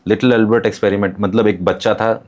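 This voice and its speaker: A man speaks as a podcast guest in a lowish voice. He explains patiently, giving examples and using English terms. His manner is calm and instructive. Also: quick pace.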